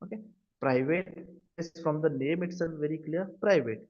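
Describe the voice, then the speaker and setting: High-pitched Indian-accented man teaching, dull audio. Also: normal speed, a little mellow. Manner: repeatedly checks understanding with short tag questions. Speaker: cloud computing instructor. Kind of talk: live online class lecture. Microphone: video call. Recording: dull, lo-fi video-call audio.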